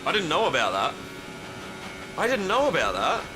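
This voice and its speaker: A young Australian man streams a racing game, his fairly high voice swooping wildly in pitch at a moderate pace. He rambles and chats loosely with viewers, answers chat, and swears casually as he drives. Game engine noise from the racing audio sits behind his voice.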